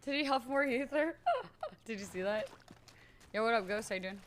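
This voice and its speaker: A woman's voice: a little high, lively intonation, normal speed, a little hiss or hum. A woman in an in-character western role-play, talking in a brash, teasing way with folksy, ungrammatical speech.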